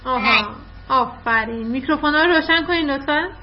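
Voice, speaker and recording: Brief: female teacher on a video call, higher-pitched, warmly praising, lo-fi dull sound. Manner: encouraging, quick to praise. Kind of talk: online class, coaching children to read aloud. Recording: dull lo-fi online call audio.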